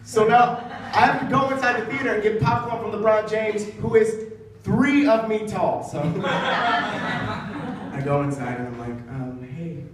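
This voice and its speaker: A man's voice: high-pitched, expressive, measured pace, a crowd in the background. Self-mocking young man doing stand-up. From Ohio, USA. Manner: self-deprecating, many fillers and acted-out quotes. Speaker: stand-up comedian. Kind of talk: stand-up comedy set. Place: comedy club stage. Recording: distant, very echoey club recording with audience.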